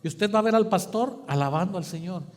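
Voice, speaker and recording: A man preaching a sermon, asking the congregation to finish his sentences, moving between quiet and emphatic. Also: high-pitched, a little fast. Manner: asks the congregation questions for them to fill in. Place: church hall. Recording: long church hall reverb.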